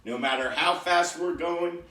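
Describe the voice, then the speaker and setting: A man's voice: a little high, unhurried, sharp tone. A man leading a home exercise lesson, chatty and encouraging, cracking jokes as he jogs in place in his apartment. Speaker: exercise instructor. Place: apartment room. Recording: roomy echo, mic at a distance.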